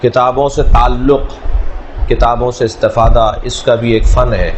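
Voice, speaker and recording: A man teaching a class, speaking in a measured way, repeating key words and explaining through everyday analogies. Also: medium pitch, steady tone, a little hiss or hum. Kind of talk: classroom lecture.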